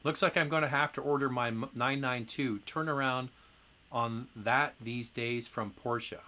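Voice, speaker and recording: A man's voice: mid-range voice, fairly even intonation, unhurried, sharp tone. Chatty man hosting a live car stream. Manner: rambling, chatty, many fillers and restarts. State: occasional coughing from acid reflux. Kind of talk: casual live-stream chat.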